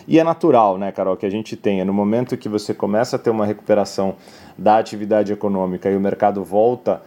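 Male market analyst, low and mellow, explanatory delivery with many tag fillers. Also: fast. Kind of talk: financial news commentary.

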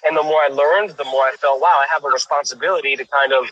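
On a casual video call, a cyclist appears as an interview guest, chatting enthusiastically and quickly in a steady, medium-pitched voice that is bright and forceful. He restarts often and uses lots of fillers, showing a cafe in his cycling town on camera, and the sound is lo-fi.

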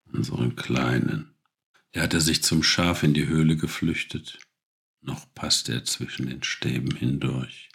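A man reads a children's fable aloud in a very deep voice that is gravelly and husky. His delivery is slow and deliberate, as in a storybook reading. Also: a bit bright. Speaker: narrator. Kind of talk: storybook narration.

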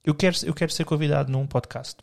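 Fast-talking gravelly Portuguese guy. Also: a little high, fairly even intonation, a little mellow. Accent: European Portuguese. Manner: rambling, joking, laid-back slang. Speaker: podcast co-host. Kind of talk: casual chat.

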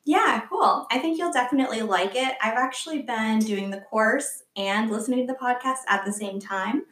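A woman guest on a podcast, explaining a topic in a relaxed way. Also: on the high side, moderate pace. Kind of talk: casual interview. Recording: roomy echo.

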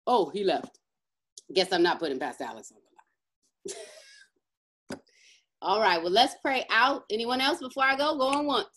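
Her voice sits on the high side and is a bit bright, moving at a moderate pace with long pauses. This woman pastor gives informal online teaching and then prays aloud, emphatic throughout, fervent in prayer and constantly asking "right?" of her audience.

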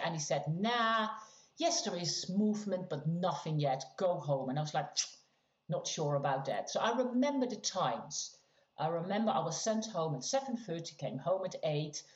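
A middle-aged woman from the Netherlands, telling a personal story as a podcast guest in an animated, laughing way. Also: fairly low pitch. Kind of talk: casual storytelling chat. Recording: roomy, slightly dull sound.

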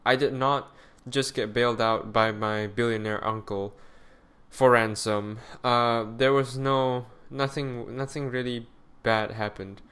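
A man's voice: medium pitch, steady tone, a little slow, a bit bright, clean tone. Male solo podcast host, tired weary voice, rambling self-correcting delivery, close home mic.

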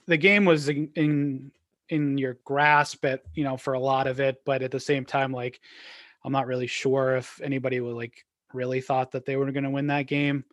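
A man's voice: medium pitch, a bit bright, no room sound, clean studio sound. A man co-hosting a casual sports podcast, rambling through game talk with lots of fillers and restarts. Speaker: podcast co-host.

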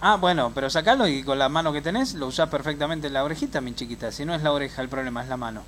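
High-voiced teasing Argentine radio host. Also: male voice, fairly bright tone, a little hiss or hum. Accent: Argentine Spanish. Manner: teasing, jokey and quick to exaggerate. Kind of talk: radio call-in show banter.

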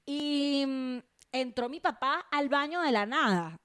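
A young woman co-hosting a podcast at home, telling a story in an animated, crude, self-mocking way. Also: sits high, unhurried, dry recording, studio quality. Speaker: podcast co-host. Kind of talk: casual storytelling chat.

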